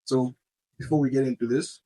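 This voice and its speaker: Podcast host dude, husky mellow voice, playful and teasing, lots of slang. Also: male voice, mid-range voice, steady tone, brisk, low-quality recording. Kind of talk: casual podcast interview.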